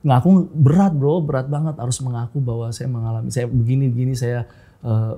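Mellow-voiced man from Makassar, casual. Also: mid-range voice, steady tone, brisk. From Makassar, Indonesia. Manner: informal, often says "Bro", mixes in English phrases. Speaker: guest sharing a personal testimony. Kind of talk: casual testimony chat.

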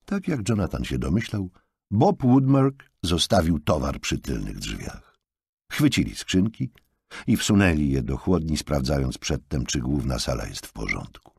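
A man narrating an audiobook in an expressive, animated reading style. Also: extremely low pitch, measured pace, vocal fry, husky, no echo, clean studio sound.

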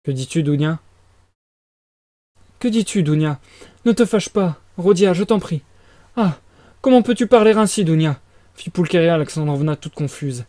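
A man's voice: sits high, warm tone, dry recording, clean studio sound, voice pushed up, lightly acted. A man doing a flustered, fussing mother. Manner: flustered, gushing. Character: anxious, fussing middle-aged mother. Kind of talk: audiobook reading.

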